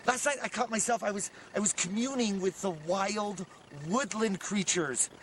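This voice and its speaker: A man's voice: high voice, normal speed, a bit bright, slight background noise. A man delivering a comic confessional monologue, stammering and repeating words in frantic, self-mocking bursts.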